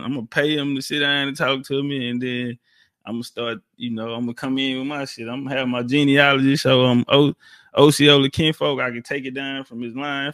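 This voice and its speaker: A man's voice: mid-range voice, fairly bright tone, no echo. A man from Alabama, a guest in a casual talk, speaking in slang with many hesitations. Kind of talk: casual discussion. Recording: dry close recording.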